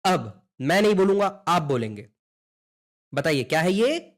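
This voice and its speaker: A young man with a high voice teaches an online beginner language lesson. He encourages his students in a motivational way, calls them brother and guys, and mixes in English phrases. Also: very animated, unhurried.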